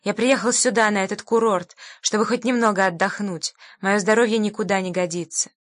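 A woman's voice: mid-range voice, steady tone, brisk, no echo, lightly acted. A woman voicing an irritable, sickly male procurator in an audiobook, indignant and complaining.

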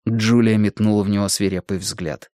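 A man narrating an audiobook in a steady, measured storytelling manner. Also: on the low side, dry recording, studio quality. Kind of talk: scripted narration.

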